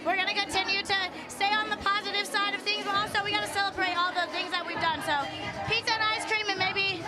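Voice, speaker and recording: A young woman gymnast talks in a post-competition interview, excited and bubbly. Her voice is very high. Loud crowd noise and music fill the arena broadcast behind her. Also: quick pace. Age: young adult. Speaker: college gymnast.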